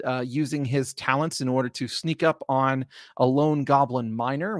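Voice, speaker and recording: A man's voice: fairly high pitch, a bit bright, no echo, clean studio sound. Rambling man recapping a tabletop game. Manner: rambling, self-correcting, frequent fillers. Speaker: game master recapping a campaign. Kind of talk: casual campaign recap narration.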